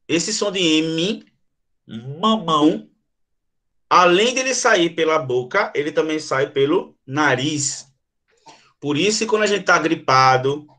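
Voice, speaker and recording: A man's voice: fairly high pitch, a bit bright. A man teaching language in a live online lesson. He demonstrates the sounds himself, keeps checking in with his viewers and answers their comments as they come in. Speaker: Portuguese teacher.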